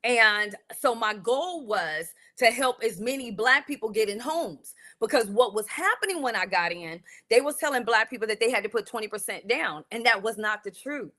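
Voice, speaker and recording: A woman speaks as an interview guest, her voice bright and pitched a little high. She talks earnestly and often circles back to repeat a point. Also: animated, normal speed, few pauses. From San Antonio, Texas. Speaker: guest, real estate broker. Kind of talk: interview, personal story.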